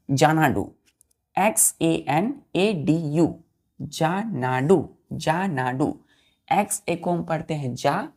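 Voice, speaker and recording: A woman's voice: low-pitched, gravelly, a little mellow. A woman teaching English vocabulary to children, spelling each word letter by letter and repeating it, with quiz questions to the class. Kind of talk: slow repetitive classroom teaching.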